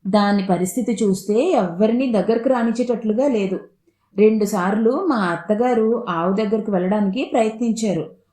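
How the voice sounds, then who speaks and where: A woman telling a humorous family story in the first person with lively narration. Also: medium pitch, moderate pace, roomy sound.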